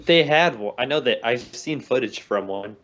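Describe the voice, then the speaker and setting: A man's voice: mid-range voice, lively intonation, normal speed, fairly bright tone. Rambling, jokey male podcast co-host. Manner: rambling, jokey, self-correcting. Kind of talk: casual chat.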